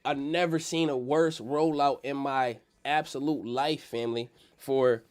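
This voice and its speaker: A man's voice: medium pitch, fairly even intonation, a little slow. A man with a blocked-nose nasal sound hosting a casual livestream on the stock market, talking in slang and repeating phrases for emphasis. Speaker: livestream host.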